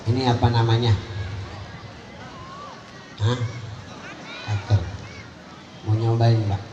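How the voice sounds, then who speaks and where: Male preacher, comic sermon, high voice, animated cries; distant phone recording with roomy echo and background noise. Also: slow, muffled recording, crowd noise. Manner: animated, joking, soaring to high emphatic cries. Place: outdoor religious gathering. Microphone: phone recording from the crowd.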